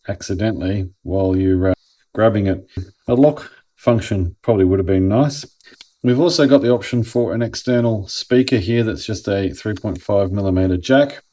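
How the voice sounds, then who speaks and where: Speaking in a fairly low, dark-toned voice, an Australian product review channel host walks through an item conversationally. He keeps it casual and explains as he goes.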